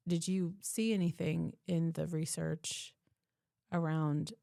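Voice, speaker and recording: A woman with a scratchy, slightly hoarse voice, chatting casually as a podcast co-host. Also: deep voice, dark tone, no room sound, studio quality. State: hoarse voice that day.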